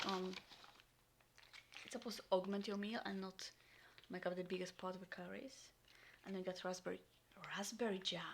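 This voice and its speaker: A woman vlogger unboxing and reviewing a military ration in casual talk, full of ums and sometimes dropping into a soft whisper. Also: mid-range voice, slight background noise. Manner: chatty, frequent ums, drops into soft whispers. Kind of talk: casual unboxing and taste test.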